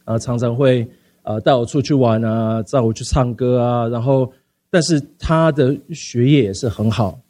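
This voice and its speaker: A young man telling a personal story, halting, with many fillers and repeated words and some English mixed in. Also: mid-range voice, mellow. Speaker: speaker sharing a personal testimony.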